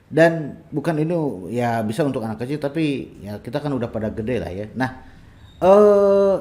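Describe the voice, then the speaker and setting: A man teaching Arabic in a casual online lesson, explaining patiently and drawing out example phrases slowly. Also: mid-range voice, darkish tone.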